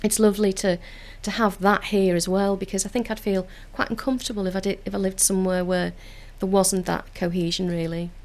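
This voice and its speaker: In a radio studio, a woman with a Liverpool accent who works as a council community engagement officer describes community work with earnest enthusiasm, often stopping to restart with fillers. Her mid-range voice has a darkish tone and level delivery, moving a little fast with few pauses.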